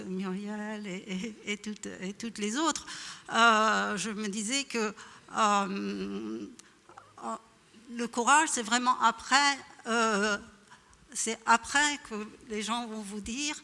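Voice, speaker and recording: A woman's voice: mid-range voice, takes it slowly, vocal fry, pushed and bright. A woman from Iran speaking at a panel event, hesitant, with many fillers and restarts. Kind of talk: spontaneous public talk. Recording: echoey hall.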